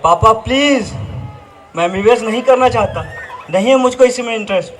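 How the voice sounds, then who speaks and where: Man acting a high-pitched, pleading young student. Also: brisk, fairly bright tone, slight background noise. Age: young adult. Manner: pleading, reluctant. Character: dejected, pleading young male medical student. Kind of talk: amateur stage play acting.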